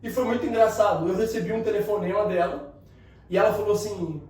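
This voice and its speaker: A man with a fairly high voice gives an emphatic motivational talk, coaching the listener directly. He is recorded from a distance in a very echoey room with faint ambience behind him. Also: fairly even intonation, quick pace, darkish tone, a little hiss or hum. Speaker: motivational speaker.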